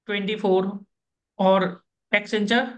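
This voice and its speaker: A man's voice: high voice, level tone, takes it slowly. A man coaching a student for job interviews on a video call, giving firm instructions and often checking that he is understood. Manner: directive, keeps checking understanding.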